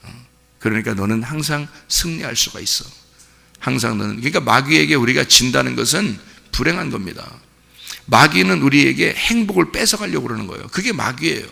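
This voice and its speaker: A man's voice: medium pitch, animated, a little fast, vocal fry, bright, forceful tone, in a large hall. A man preaching a sermon as pastor, earnestly and conversationally, asking the congregation questions. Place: church sanctuary.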